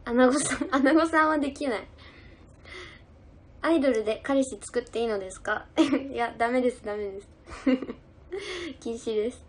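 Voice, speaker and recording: A woman's voice: sits high, expressive, moderate pace, slight background noise. A young woman idol chatting casually on a livestream, giggling as she reads out and answers viewer comments. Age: young adult.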